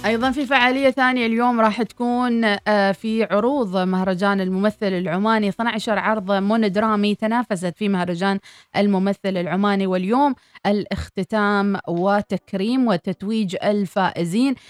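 An Omani woman hosts live radio in a casual presenting style. Her voice sits at a middle pitch, recorded dry in a studio. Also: steady tone, brisk, no room sound. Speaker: radio host.

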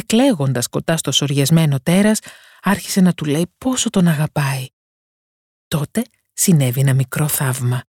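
A woman storyteller giving a scripted fairy-tale narration in a calm, measured way. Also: low-pitched.

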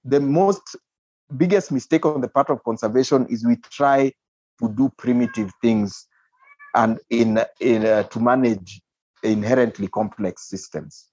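A man's voice: mid-range voice, unhurried, a little mellow, dry recording. A man with a Kenyan accent speaking as an interview guest, explaining his views emphatically and repeating phrases for stress. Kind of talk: spoken interview, explaining and opining. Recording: dull, muffled lo-fi audio.

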